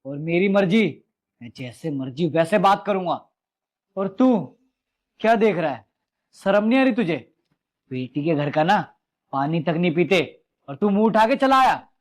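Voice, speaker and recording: Man doing a domineering husband, harsh, insulting, raised slightly high voice. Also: expressive, moderate pace, pauses often. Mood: angry. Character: rude, domineering young husband.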